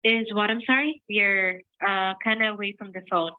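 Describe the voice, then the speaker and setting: A woman's voice: mid-range voice, normal speed, clear, resonant tone, no room sound. Lady receptionist heard over a landline phone, polite, lots of ums, dry tinny line. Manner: polite, hesitant with many fillers. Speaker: real estate office receptionist. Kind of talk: business phone call.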